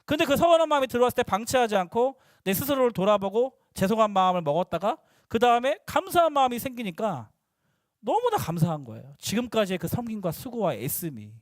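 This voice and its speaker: A young male youth pastor preaching to middle schoolers, lively and teasing, slipping into casual talk with the teens. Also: sits high, fast talker, no room sound, clean studio sound.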